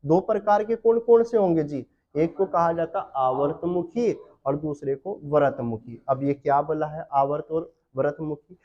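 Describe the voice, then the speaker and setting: Male Hindi teacher, dull lo-fi recording. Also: a little high. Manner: asks students questions and answers them himself, repeats key terms slowly. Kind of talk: exam-prep class lecture. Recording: dull lo-fi sound.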